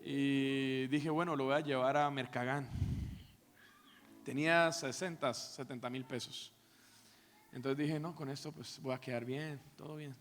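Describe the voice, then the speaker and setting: A man, a pastor preaching a sermon with a personal story, moving from quiet telling to shouted passages. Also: medium pitch, steady tone, measured pace. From Colombia. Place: church hall. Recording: reverberant church hall.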